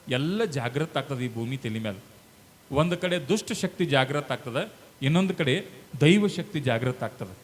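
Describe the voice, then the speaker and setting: A man giving a spiritual discourse, swinging between loud storytelling and soft asides to the women listening. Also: fairly high pitch, a little hiss or hum. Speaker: preacher.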